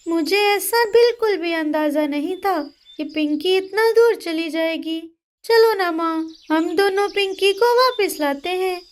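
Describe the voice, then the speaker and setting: Cartoon boy bird, pushy big brother, voiced by a woman, high and slow. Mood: remorseful.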